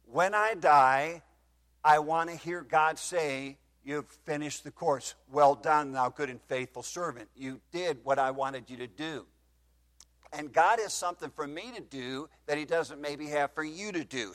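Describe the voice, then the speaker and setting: A man in his fifties preaches in a slightly echoey church hall, reading scripture in King James wording and posing questions to the congregation. His voice sits on the high side with a fairly bright tone, picked up by a microphone.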